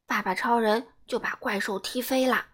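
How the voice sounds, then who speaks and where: A woman reading a children's picture story aloud in an expressive way. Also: on the high side, husky. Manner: expressive, unhurried narration.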